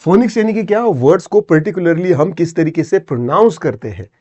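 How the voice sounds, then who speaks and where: A man's voice: on the high side, lively intonation, fairly quick, mellow. Man teaching an English lesson with Indian English. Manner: explains step by step, repeats terms, many "theek hai" checks. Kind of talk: exam-prep lesson.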